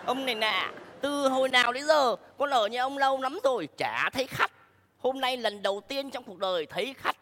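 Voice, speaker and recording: A woman playing an excitable household servant girl in a comedy sketch, gushing and wailing. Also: sits high, brisk, a little hiss or hum. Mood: excited.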